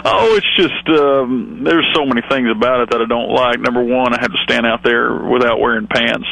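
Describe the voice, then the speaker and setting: A folksy longhorn steer mascot, as a man puts him on, drawling through deadpan jokes on a radio comedy bit. His voice is gravelly with a bright edge. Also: mid-range voice, normal speed, poor audio.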